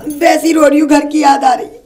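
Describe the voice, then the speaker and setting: A woman's voice: sits high, flat delivery, fairly quick, lightly acted. A woman playing a meek young second wife. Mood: tearful. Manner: soft, pleading, deferential.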